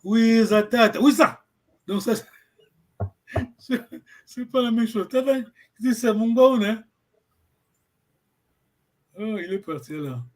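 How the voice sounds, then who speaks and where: A man from Congo runs a relaxed language lesson in a high, light voice. He talks in a halting way, full of fillers and restarts, as he searches for the right word. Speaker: Kikongo language teacher. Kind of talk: informal online language lesson.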